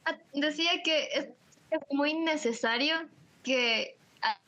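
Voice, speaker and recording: A woman from Ecuador, co-hosting a podcast, giving her opinions in a thoughtful, measured way. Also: high voice, sharp tone. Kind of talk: casual podcast chat. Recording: dull lo-fi audio.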